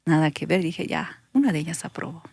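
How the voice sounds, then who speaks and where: A woman pastor, giving an earnest testimony that sinks into soft whispers when she recalls her prayers. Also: low-pitched, expressive, a little fast, vocal fry, breathy edge, no echo, clean studio sound. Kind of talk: emotional testimony in conversation.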